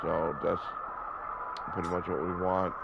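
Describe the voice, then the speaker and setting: With a deep, flat, measured voice and some vocal fry, a man in his early thirties hosts a gaming video, giving casual gameplay commentary. A cold has left him stuffy and sore-throated, and he rambles, filling gaps and correcting himself. The audio is dull and lo-fi, with background noise.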